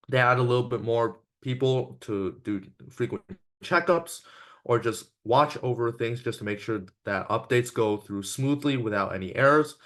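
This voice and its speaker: A teenage boy co-hosting a podcast, talking casually in a halting way, hedging with "I think" and "um" before he poses questions. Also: mid-range voice, fairly bright tone. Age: teens. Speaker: podcast co-host asking the questions. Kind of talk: casual discussion.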